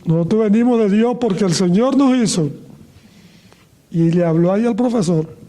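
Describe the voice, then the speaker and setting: A middle-aged man preaching a sermon in a notably high voice with a mellow, soft tone. He slows down and lets his pitch fall at the end of each phrase.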